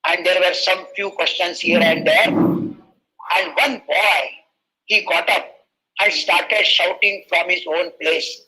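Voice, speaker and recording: Male webinar speaker from India, high voice, animated storytelling. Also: poor audio. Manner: animated, quoting characters in rising pitch. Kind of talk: storytelling lecture.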